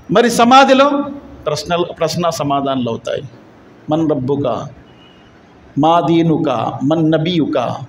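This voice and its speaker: A man preaching a sermon, telling stories with animation and acting out quoted speech with sudden swings between loud and soft. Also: fairly high pitch, slight background noise. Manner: animated storytelling, acts out quoted speech with sharp swings of loudness. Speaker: Islamic preacher. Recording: roomy echo, faint background ambience.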